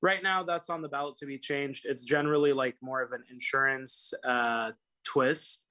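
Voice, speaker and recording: This young LA personal injury attorney speaks at a normal speed in a steady, mid-range voice that sounds pushed and bright. Appearing as a guest on casual call-in talk, he rambles with frequent fillers and restarts.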